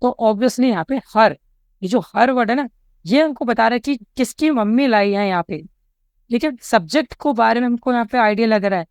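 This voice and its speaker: An Indian woman tutors through past exam questions one by one, stopping after nearly every point to check in. Her voice is smooth and clear. It sounds dry and close, with almost no room around it. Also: a little high, darkish tone, no room sound. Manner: says "theek hai" and "chalo" after nearly every step; reads English question lines slowly and deliberately. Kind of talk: explaining exam questions step by step.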